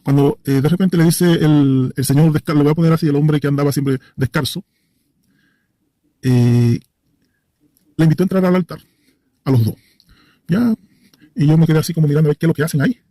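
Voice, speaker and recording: A man's voice: fairly high pitch, a little fast, pauses often, dark tone, dry recording. A man telling a personal story in a casual, vivid way, hesitating and searching for words, repeating phrases for effect.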